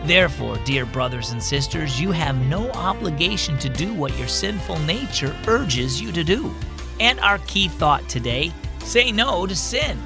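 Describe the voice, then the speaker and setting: A man hosting a children's devotional program, reading scripted stories in an animated storyteller manner. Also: fairly high pitch, unhurried, music in the background. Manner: animated storyteller voicing characters. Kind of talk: scripted storybook narration for kids.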